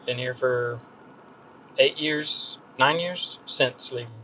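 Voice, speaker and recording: A man in his thirties from North Carolina is a podcast guest in a casual interview, speaking slowly with a medium-pitched, bright, forceful voice. He sounds hesitant and rambling, with frequent ums and restarts. The audio is poor, with slight background noise.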